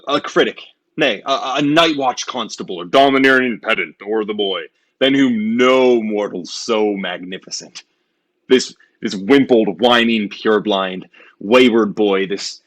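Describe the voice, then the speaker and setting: A man playing a witty, lovesick gentleman in a stage Shakespeare comedy, declaiming in a hammy theatrical way. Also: medium pitch. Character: witty, lovesick gentleman railing at his own love.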